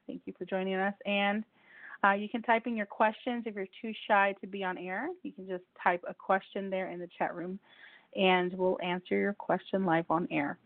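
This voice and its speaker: Over a tinny, dry phone line, a woman with a mid-range voice speaks at normal speed in a level tone, with no room sound. She's a native Spanish speaker hosting a casual call-in radio show, chatting away, repeating details and tripping over her words.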